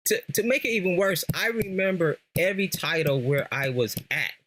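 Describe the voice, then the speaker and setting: This lifelong Lakers fan from Los Angeles, Southern California, is a guest on a sports podcast, speaking with an American accent. His voice is high-pitched, brisk and a bit bright, with lively intonation, and he tells stories casually in slang, repeating phrases for emphasis.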